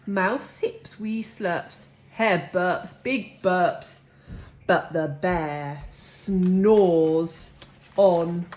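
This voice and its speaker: A woman reading a children's picture book aloud with deliberate, dramatic phrasing. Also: fairly low pitch, a little mellow. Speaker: storybook reader.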